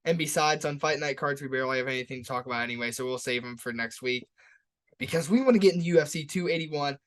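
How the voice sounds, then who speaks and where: A podcast co-host with a medium-pitched, somewhat bright voice talks fast in a casual sports chat previewing upcoming fights. His delivery is hyped and emphatic, leaning heavily on repetition.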